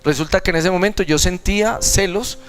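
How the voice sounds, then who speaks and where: Faint music sits behind a brisk, high-set male voice. He's a young preacher with a Colombian Spanish accent, telling his testimony earnestly in a seminar hall and acting out the dialogue in other voices.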